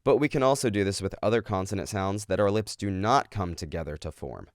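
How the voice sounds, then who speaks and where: A man's voice: fairly low pitch, brisk, dry recording, studio quality. A man giving instructional explanations as a vocal coach. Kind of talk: instructional explanation of screaming technique.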